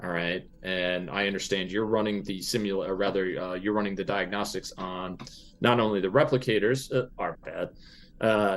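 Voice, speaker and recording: Deep-voiced, a man plays a tabletop role-playing game, speaking in casual improvised fashion and haltingly mulling things over aloud.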